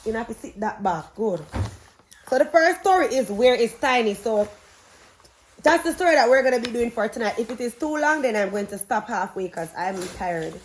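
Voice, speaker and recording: Her voice is a little high with lively intonation at a normal speed, and the poor audio carries some hiss or hum. A Jamaican-accented woman chats bluntly and reads aloud to children like a parent vlogging at home, pausing to instruct and quiz them in a casual, interactive read-aloud.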